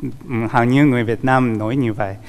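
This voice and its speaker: A man from Japan with a Japanese accent, speaking halting, broken Vietnamese as a dating show contestant, slow and searching for words. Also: medium pitch, fairly even intonation, darkish tone, long reverb tail.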